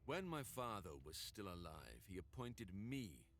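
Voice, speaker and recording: Game villain: fallen Italian noble, proud and scheming, low voice, sweeping delivery, slow theatrical menace. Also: male voice, very animated, fairly bright tone, slight background noise, full character voice. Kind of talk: video game villain monologue.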